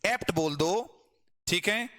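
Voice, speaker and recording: Bright-voiced Hindi-accented man teaching English. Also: high-pitched, animated, slow pace. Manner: explains patiently, repeats words and asks the class questions. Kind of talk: live online class lecture.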